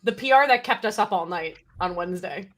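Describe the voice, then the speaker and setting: Lively woman hosting a video call chat. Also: on the low side. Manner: playful, quick interjections. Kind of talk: casual live Q&A chat.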